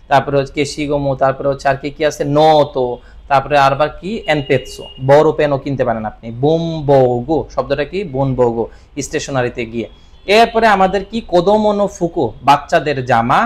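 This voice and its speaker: Man, tutor, casual lesson, repeats each word, slow stretched words, slightly high pitch. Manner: repeats words with quiz questions; draws out words slowly. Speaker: Japanese language teacher. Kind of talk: explanatory lesson.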